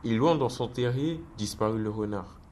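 A man narrating a children's storybook in a steady, measured way. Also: lowish voice, a little hiss or hum. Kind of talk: storybook reading aloud.

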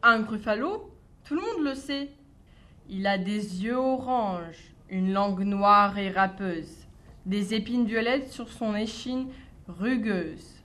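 A quick-witted little storybook mouse, played by a woman, high-voiced and full of bluff. She sounds sweet and boastful at once. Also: sing-song, exaggerated voice. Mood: sly. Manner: bright, sly, bluffing. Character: small clever boastful female mouse.

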